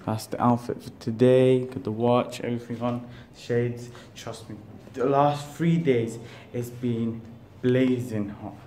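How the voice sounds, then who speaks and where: A man's voice: mid-range voice, a little slow, few pauses. A young man chatting casually and slangily in a travel vlog, recorded on a phone. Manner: relaxed, slangy, rambling. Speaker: vlogger. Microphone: phone camera. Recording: phone video with loud background noise.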